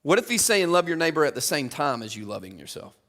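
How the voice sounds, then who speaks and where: High-voiced, animated man preaching. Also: fast. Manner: conversational, animated, repeats words often. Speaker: pastor. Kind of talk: sermon.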